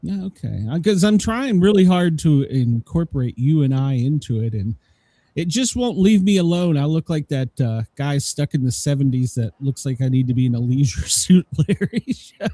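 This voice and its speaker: A man's voice: a little high, lively intonation, moderate pace, dark tone, no echo. A man hosting a live radio show with casual, rambling, irreverent comedic chat.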